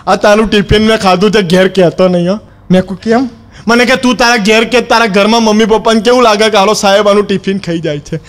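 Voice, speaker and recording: A male stand-up comedian telling a comic monologue in character as a cheeky schoolboy, acting out the other people's lines as he goes. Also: sits high.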